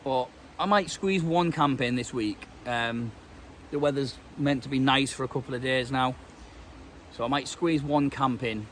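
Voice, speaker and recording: Unhurried and a bit bright in tone, a medium-pitched British man with a stuffy cold talks casually for his vlog outside in the woods. He meanders with frequent ums and restarts, and slight background noise is present.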